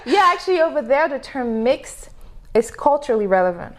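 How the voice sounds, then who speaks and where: A native French speaker from Senegal chats as a guest and coach on a podcast, telling stories and laughing easily in a casual interview. Her voice sits high, and she talks fairly quickly and very animatedly.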